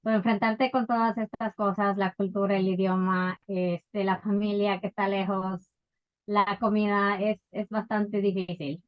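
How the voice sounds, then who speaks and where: A woman from Ecuador telling her life story as an interview guest, unhurried and full of fillers. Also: mid-range voice, level tone, muffled recording. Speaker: guest entrepreneur. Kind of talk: casual interview.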